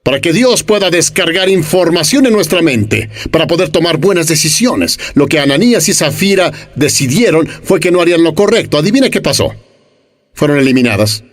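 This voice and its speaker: A man preaching a sermon, animated and full of rhetorical questions, sometimes acting out the voices of the people he quotes. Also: on the high side, a little fast.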